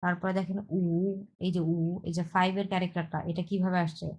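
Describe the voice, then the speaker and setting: A woman, a Bengali speaker, teaches an online Chinese lesson, explaining step by step and often checking with a quick "yes". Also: lowish voice, little pitch movement. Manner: explains step by step, repeats herself, checks with "হ্যাঁ".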